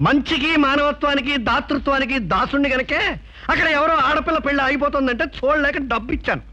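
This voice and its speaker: An unctuous con man, quick and high. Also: pushed and bright, exaggerated voice. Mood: pleading. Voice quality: ingratiating, theatrically humble. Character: glib middle-aged male con man, sweetly self-pitying. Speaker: smooth-talking swindler in a film comedy. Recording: dull old film soundtrack with music.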